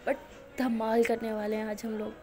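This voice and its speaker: A woman voicing a hot-tempered but loving young college woman, with a sharp, scolding way of talking. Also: a little high, flat delivery, normal speed, faint music behind, lightly acted. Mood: teasing.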